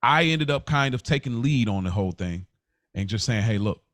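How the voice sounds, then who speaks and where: Swapping casual personal stories as a podcast co-host, this man keeps repeating words and starting his phrases over. His mid-range voice is animated and fairly bright at normal speed, recorded in a clean studio with no room sound.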